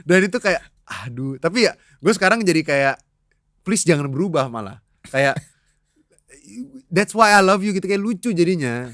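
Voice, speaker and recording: A young man, chatting as a podcast guest, an animated storyteller who laughs often and mixes in English phrases. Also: sits high, a little slow, no echo, clean studio sound. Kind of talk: casual chat.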